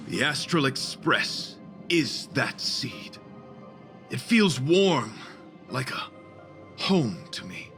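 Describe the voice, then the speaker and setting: Here a man at medium pitch sounds bright and forceful. It's video game character dialogue: he acts as a chivalrous young knight devoted to beauty, speaking formally, floridly and solemnly.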